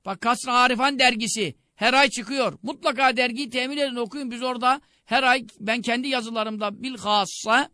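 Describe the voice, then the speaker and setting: A man's voice: very high-pitched, normal speed, hardly any pauses, sharp tone, dry recording. A man preaching a religious sermon, urging listeners with rising emphatic exhortations.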